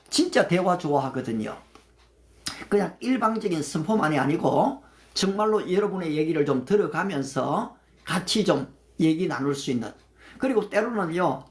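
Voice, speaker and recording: A man as a pastor preaching conversationally on a livestream, asking his listeners questions and mixing in English scripture. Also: sits high. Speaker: pastor leading a livestream prayer meeting. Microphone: phone livestream mic.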